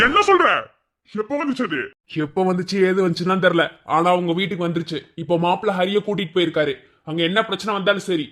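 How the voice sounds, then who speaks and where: Short-fused cartoon husband, madurai tamil accent, curt and snappy, man voicing him. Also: high-pitched. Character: angry young village husband, hot-tempered. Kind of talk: cartoon voice acting.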